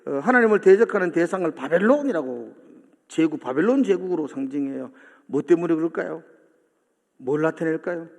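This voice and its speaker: A man's voice: on the high side, creaky, darkish tone. A male pastor preaching a sermon in a church, often asking the congregation questions and seeking their agreement. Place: church sanctuary. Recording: long hall reverb from a church.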